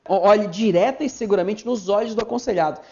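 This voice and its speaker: A man with a Brazilian Portuguese accent teaching a video lesson to camera, folksy and animated, acting out little scenes. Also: high-pitched, fast talker. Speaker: pastor teaching a course. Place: indoors, seated before a camera. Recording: dull lo-fi sound.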